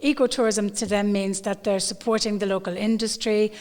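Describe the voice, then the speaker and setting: Animated Irish tour guide woman. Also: medium pitch, brisk, in a large hall. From Ireland. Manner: animated, emphatic, repeats for stress. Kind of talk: panel discussion. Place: old brewery building, large room.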